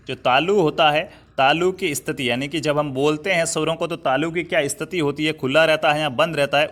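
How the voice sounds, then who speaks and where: Hindi teacher with a fairly high voice. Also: male voice, a bit bright. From Rajasthan, India. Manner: repetitive, checks in with "thik hai" often; addresses students as "saathiyon" and "bhai". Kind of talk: online classroom lesson. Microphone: writing on a digital board while talking.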